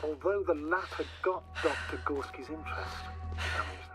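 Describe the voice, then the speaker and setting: An actor voicing a male mission operator in a video game who talks in a measured, instructive way and thinks aloud. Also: on the high side, animated, close to an everyday voice, poor audio. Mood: steady. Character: steady male mission operator guiding a teammate. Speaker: remote mission operator on the radio. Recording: game audio with music under.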